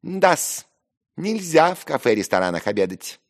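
A man's voice: big pitch swings, a little slow. A man voicing an insolent, spiteful young man who sneers and giggles. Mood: sneering. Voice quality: shrill, sneering.

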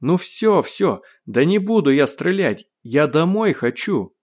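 A man voicing a brash, cheerful man who has lost his memory, talking loud, cocky and playfully defiant in an audiobook. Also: a little high, sing-song, measured pace, voice pushed up. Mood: shouting cheekily. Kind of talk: audiobook character voice.

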